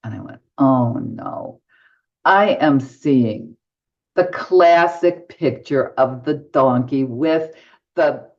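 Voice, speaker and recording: In a podcast interview, an older medium recounts stories, voicing both people in every exchange. She talks slowly with an extremely low, slightly mellow voice. The recording is dull and low-fidelity.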